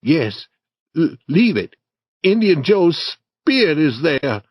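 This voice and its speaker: A man voicing a timid boy sidekick, in a slightly raised pitch, hesitant and stammering when scared. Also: very animated, slow, husky, no room sound, exaggerated voice. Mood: nervous. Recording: dry, slightly dull recording.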